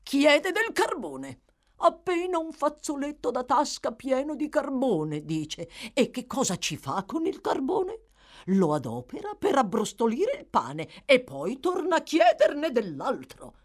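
A woman's voice: high-pitched, very animated, voice pushed up, exaggerated voice. A woman doing a pompous beadle, Mr. Bumble. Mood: indignant. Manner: pompous, indignant, drawn-out emphatic questions. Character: pompous self-important middle-aged male parish beadle. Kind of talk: audiobook reading.

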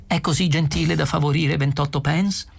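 A man voicing a polite, deferential barman who speaks in a courteous, hushed way, in an audiobook reading. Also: on the high side, steady tone, moderate pace, creaky, slight background noise.

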